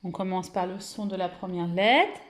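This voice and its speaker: A French woman teaching young children to read, slowly stretching out and repeating syllables and offering praise. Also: fairly low pitch. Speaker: primary school teacher. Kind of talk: slow, careful reading lesson for young children.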